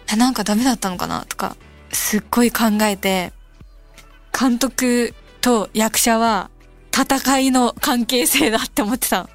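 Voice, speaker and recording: A young adult woman from Kansai hosting a radio show, reading listener mail and musing aloud in a relaxed, casual way. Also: fairly high pitch. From Kansai, Japan. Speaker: radio host. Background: soft background music.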